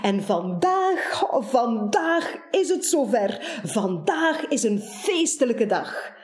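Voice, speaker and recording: A woman's voice: a little high, big pitch swings, slow pace, echoey room. Woman voicing Baas, an earnest bookish neighbor. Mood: eager. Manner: earnest, then eager. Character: serious, bookish neighbor with a secret plan.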